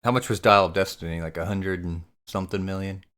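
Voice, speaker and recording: A man's voice: sits low, steady tone, fast, fairly bright tone, smooth. A man hosting a casual movie podcast, easygoing and steering the questions. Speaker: podcast host. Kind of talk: casual movie review chat.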